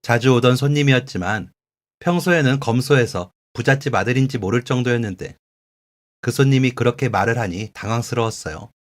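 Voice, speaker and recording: A young man calmly narrating a scripted story in a reflective way. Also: mid-range voice, fairly quick.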